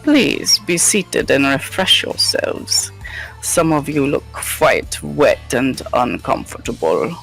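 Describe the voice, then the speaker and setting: A man voicing an ancient hunched vampire count who speaks slowly and formally in a deep, gravelly voice. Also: big pitch swings, fairly bright tone, faint music behind, exaggerated voice, rough recording. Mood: courtly. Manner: slow, formal, deep-voiced host speech.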